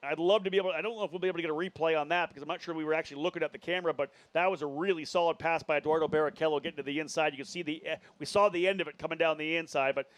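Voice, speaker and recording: A man's voice: fairly high pitch, fairly even intonation, very fast, hardly any pauses, fairly bright tone, no room sound. A man working as a motorsport commentator, giving live play-by-play and running through drivers and positions.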